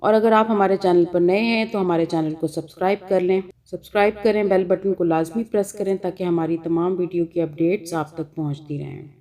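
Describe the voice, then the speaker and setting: A woman's voice: fairly low pitch, steady tone, brisk, few pauses, dark tone. A woman with a Pakistani Urdu accent teaching Quran reading online, patiently repeating each sound.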